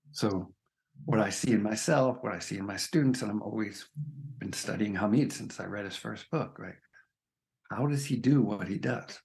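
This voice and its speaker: A man's voice: lowish voice, gravelly. A man speaking as a spiritual teacher in an interview, earnest and emphatic, often checking in with "right?". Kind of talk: reflective conversation.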